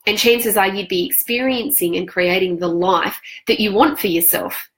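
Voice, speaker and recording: Woman, self-help coach, to-camera motivational talk; earnest, measured, asks the viewer rhetorical questions. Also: mid-range voice, low-quality recording.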